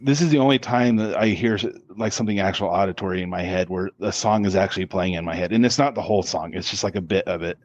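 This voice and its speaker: Man, podcast guest, low voice, halting and repetitive delivery, dry dull lo-fi sound. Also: no echo. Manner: halting, with many restarts and repeated words. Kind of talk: casual interview answers.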